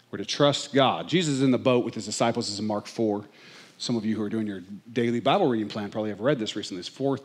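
A male pastor preaching a sermon in a lively, conversational way, with comic asides. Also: medium pitch. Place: church.

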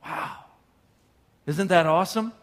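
Male preacher, light-toned, lively conversational sermon delivery. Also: high voice, takes it slowly. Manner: conversational, animated storytelling. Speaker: pastor.

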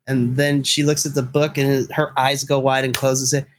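A man narrating as game master with lively storytelling, quick to laugh. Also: medium pitch, slight background noise, poor audio.

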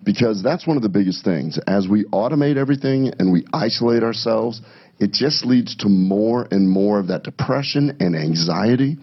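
A man's voice: fairly low pitch, normal speed, breathy edge. A man co-hosting a casual podcast chat, telling stories and acting out quotes with energy. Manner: animated storyteller, acts out quotes. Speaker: podcast co-host. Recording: dull lo-fi sound.

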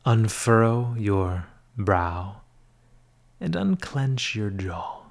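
Speaking in a hushed, breathy spa-style near-whisper, this man leads a guided meditation at a calm, measured pace. His voice runs somewhat low and sing-song, with short phrases separated by lengthy silences.

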